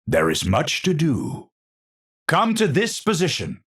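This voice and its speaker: Urgent and commanding, the eccentric game astrophysicist speaks with a Dutch accent in a slightly rough, breathy, a bit bright voice. His pitch swings hugely as he chooses words slowly and with deliberate, professorial theatricality, giving an exaggerated, grandiose, unstable edge.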